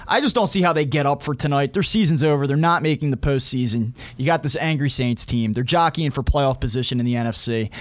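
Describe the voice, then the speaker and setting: A man's voice: mid-range voice, quick pace, hardly any pauses. A man giving conversational sports and betting analysis as a podcast commentator.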